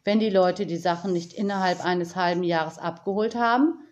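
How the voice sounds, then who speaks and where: A woman's voice: on the low side, normal speed, a little mellow, lo-fi sound, natural voice. A woman voicing a patient, matter-of-fact office clerk in a storybook reading, her voice close to her own. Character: patient, dry lost-property clerk, adult woman.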